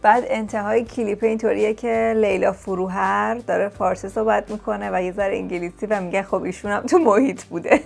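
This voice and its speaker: Gravelly-voiced woman chatting to camera. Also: medium pitch, fairly even intonation, hardly any pauses. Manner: chatty, repeats words for emphasis. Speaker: vlogger sharing language-learning tips. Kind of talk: casual talk to camera. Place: lives in England.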